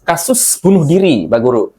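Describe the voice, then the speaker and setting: A man's voice: a little high, sing-song, moderate pace, a little mellow, slightly rough. A man hosting a podcast, asking his guest questions in a casual, prompting way. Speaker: podcast host.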